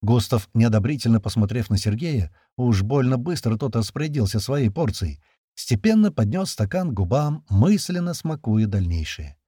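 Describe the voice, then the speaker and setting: A man doing scripted narration of an audiobook with expressive, steady storytelling. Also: medium pitch, normal speed, breathy edge, dry recording, clean studio sound.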